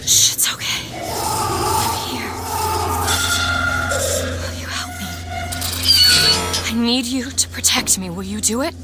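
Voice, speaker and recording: An actress playing a gentle young woman in a video game, calming a huge creature with hushed, soothing pleas. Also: on the high side, slow, pauses often, exaggerated voice. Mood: tender, pleading. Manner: soothing, hushed pleading, as to a scared pet. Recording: loud music over the voice.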